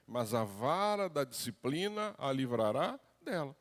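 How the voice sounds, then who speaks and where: A man's voice: mid-range voice, sing-song, a little slow. A middle-aged man preaching a conversational sermon as pastor, slipping into acted quotes. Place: church hall. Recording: long hall reverb.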